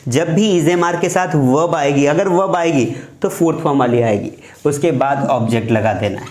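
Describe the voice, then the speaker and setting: Brief: male teacher, voice pitched a little high, patient step-by-step explainer, echoey room. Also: normal speed, darkish tone. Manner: explains step by step, repeats examples. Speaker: English teacher. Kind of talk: classroom grammar lesson.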